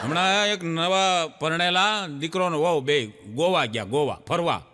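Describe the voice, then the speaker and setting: Comedian guy, high bright voice, echoey hall, acts out the old ladies. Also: unhurried. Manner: animated storyteller voicing old women and wives. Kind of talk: stand-up joke telling.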